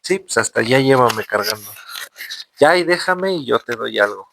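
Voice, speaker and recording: A man with a Mexican accent voicing a mysterious old man stranded in the mountains, who begs to be carried and warns gravely. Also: mid-range voice, expressive, moderate pace, over loud music. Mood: pleading.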